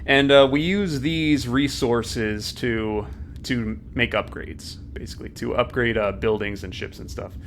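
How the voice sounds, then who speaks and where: A man's voice: medium pitch, a little slow, fairly bright tone, slight background noise. A man giving casual, filler-heavy commentary while playing a city-building game. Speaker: let's play host. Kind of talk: gameplay commentary.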